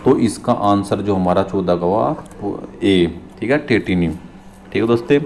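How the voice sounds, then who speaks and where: Low, mellow-voiced male nursing tutor. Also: slight background noise. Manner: reads English questions slowly, explains in Hindi with repetitions; addresses viewers as friends, frequent "theek hai" check-ins. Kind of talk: exam question walkthrough.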